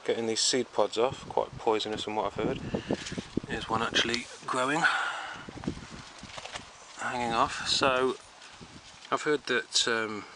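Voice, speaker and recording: Speaking a little slowly in a steady, medium-pitched voice, a man who gardens at home rambles casually through a chatty tour of his backyard vegetable plot. He films himself outside, talking to the camera, with outdoor sounds in the background.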